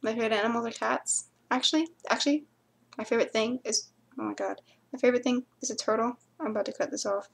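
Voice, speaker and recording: Teen girl vlogging at home, kinda giggly, rambly, mumbles little asides, slightly high voice with some fry. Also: fairly even intonation, fast talker. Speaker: vlogger answering viewer questions. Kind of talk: casual chat to camera.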